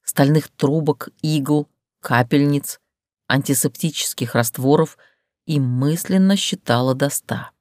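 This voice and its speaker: A woman reading a first-person audiobook in measured, even storytelling. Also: deep voice, no room sound, studio quality. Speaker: audiobook narrator.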